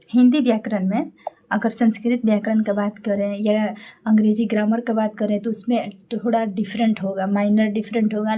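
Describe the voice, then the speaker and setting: A woman with a slightly high voice teaches a grammar lesson in a patient classroom manner. She goes over each point more than once, sounds words out syllable by syllable and keeps checking in with her listeners before moving on. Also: dark tone. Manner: repeats key points, checks in with "ठीक है" often.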